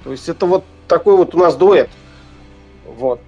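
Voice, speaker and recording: High-pitched man, casual interview guest. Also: normal speed, dark tone, highs cut off, soft background music. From Urals region of Russia. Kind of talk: casual conversational interview over a call. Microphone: internet messenger call.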